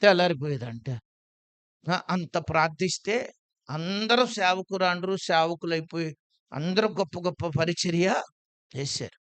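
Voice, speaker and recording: A preacher with a bright, ringing voice leads a sermon. He keeps throwing questions at his listeners and answering them, dropping low and then surging loud. The recording is dry and close. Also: a little slow, pauses often, clean tone, no room sound. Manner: asks the congregation questions and answers them, dramatic swings between loud and soft.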